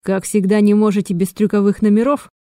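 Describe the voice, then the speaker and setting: A woman voicing a hoarse, angry male police chief who scolds with contempt. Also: medium pitch, flat delivery, fairly quick, mellow, no echo, clean studio sound, close to an everyday voice. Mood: scornful.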